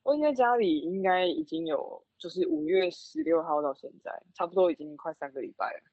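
A woman's voice: fairly low pitch, big pitch swings, a little fast, no echo, muffled recording. A woman with a Taiwanese accent chatting casually as a podcast co-host, recorded remotely at home on makeshift gear.

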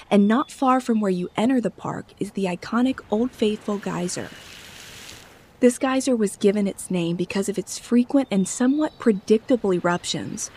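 Woman narrating scripted true crime, medium pitch. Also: darkish tone, slightly rough. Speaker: podcast host.

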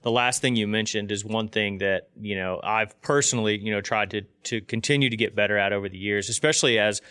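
Man, podcast interviewer, smooth mid-range voice, informal, wordy, dry studio-like sound. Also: lowish voice, fairly quick, pushed and bright, no room sound. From Indiana. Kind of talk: casual conversational interview.

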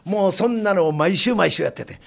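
An older man with a Kansai accent, a guest telling lively anecdotes and acting out the voices in them, with a gravelly, husky voice. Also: high-pitched, fairly quick. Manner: lively, acts out the voices in his stories.

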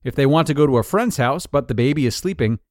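A man reads a written piece aloud as scripted narration, moving through numbered tips in a clear, even delivery. His pitch rises and falls in a lively way. The sound is close and dry, with no room echo. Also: quick pace. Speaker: narrator reading an article aloud.

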